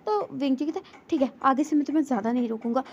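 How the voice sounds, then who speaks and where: A woman's voice: high voice, fast, darkish tone, breathy edge. A woman casually narrating a fan fiction story, quoting each character's lines in turn. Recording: dull lo-fi audio with faint noise.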